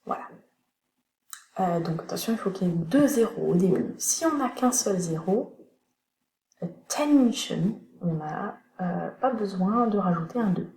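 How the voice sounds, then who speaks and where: A woman's voice: mid-range voice, animated, unhurried, dark tone. A woman teacher explaining a lesson in a chatty way, with many fillers. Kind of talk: recorded classroom lesson. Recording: echoey room with faint noise.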